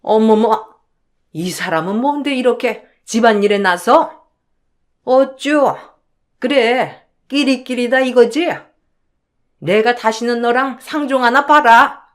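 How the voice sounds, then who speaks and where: A woman's voice: a little high, slow. A woman voicing an older, domineering mother-in-law who scolds and threatens in a radio-drama story. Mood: furious scolding.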